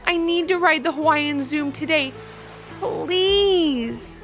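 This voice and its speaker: A woman voicing an eager, determined young girl in a children's story, high and excited, pleading hard to get her way. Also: slow pace, faint music behind.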